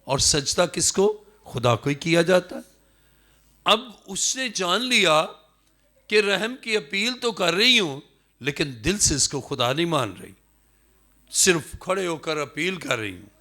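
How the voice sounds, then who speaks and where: A man with a Pakistani Urdu accent preaching a sermon, emphatic, acting out the words of people in the story with swings in pitch. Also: very animated, sharp tone. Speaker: pastor.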